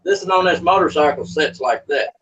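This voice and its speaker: A man's voice: a little high, a little fast, fairly bright tone, lo-fi sound, slight background noise. A man, hosting a casual livestream and rambling folksily while he works on a carburetor. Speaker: livestream host. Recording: voice from a distance from the mic.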